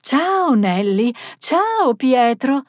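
Woman doing a shrill, chirpy confused grandma. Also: big pitch swings, drawn-out words, dry recording, clean studio sound, full character voice. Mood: cheerful.

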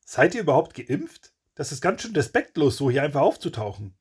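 A man's voice: a little high, very animated, fairly quick, slightly rough, full character voice. A man voicing Kevin, a foul-mouthed, panicky former brewery apprentice who bellows his outrage at armed gangsters in an audiobook. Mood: indignant. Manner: shouting, swearing in outrage.

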